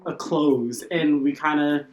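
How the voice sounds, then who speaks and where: A woman's voice: low-pitched, steady tone, slow pace, a little mellow, roomy sound, highs cut off, slight background noise. A young woman co-hosting a podcast, talking reflectively and casually with lots of "like" and "kinda". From United States. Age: young adult. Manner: reflective, heavy use of "like" and "kinda". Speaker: podcast co-host. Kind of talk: casual chat.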